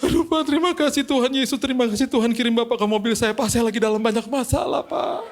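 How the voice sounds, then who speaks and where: A man's voice: very high voice, fast, slight background noise, pitched above the performer's own voice. A man voicing a grateful, tearful young ride-hailing driver who pleads for counseling.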